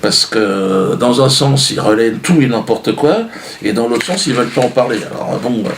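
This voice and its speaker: A man's voice: mid-range voice, moderate pace, vocal fry, echoey room, noisy background. A man doing a rambling, sardonic comedy monologue, full of fillers and asides. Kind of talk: stand-up monologue.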